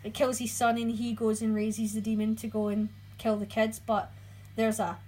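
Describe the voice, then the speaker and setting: A chatty woman co-hosts a casual chat, her voice a little high and slightly breathy. She keeps talking and often hunts for the right word. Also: flat delivery, moderate pace, warm tone, low-quality recording. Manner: chatty, laughs often, loses her words. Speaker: podcast co-host. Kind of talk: casual chat about horror movies.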